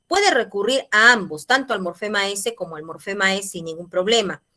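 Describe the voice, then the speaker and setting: Casting: woman teacher, patient and clear, keeps asking if the class follows. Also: mid-range voice, expressive, a little fast, pushed and bright. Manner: patient explanatory, checks in with "¿ya?" and "¿listo?". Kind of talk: grammar lesson.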